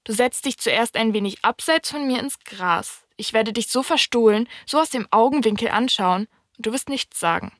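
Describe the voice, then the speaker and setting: A wise, wistful storybook fox who explains things patiently, as a woman reads him in an audiobook. Her voice stays fairly high and close, with a dry sound and no room echo. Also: lively intonation, moderate pace, hardly any pauses, natural voice. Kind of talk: audiobook reading.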